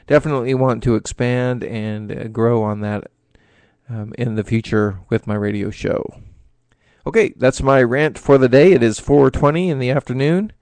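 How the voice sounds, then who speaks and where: Gravelly, earnest middle-aged man hosting. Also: medium pitch, a little mellow, no room sound. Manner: earnest, halting, many filler sounds. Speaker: internet radio show host. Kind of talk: solo talk-show monologue.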